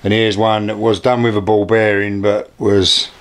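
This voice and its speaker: A British man hosting an informal hands-on craft demonstration, talking in a low-key, plain-spoken and unpolished way. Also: little pitch movement, moderate pace. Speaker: hobby craft video host.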